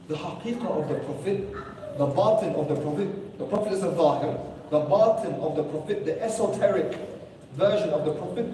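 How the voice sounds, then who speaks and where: Warm-toned and on the high side, a man preaches earnestly to a gathered room, full of rhetorical questions and occasional Arabic verse recitations. The recording comes from a distant microphone in an echoey hall, with a little background noise.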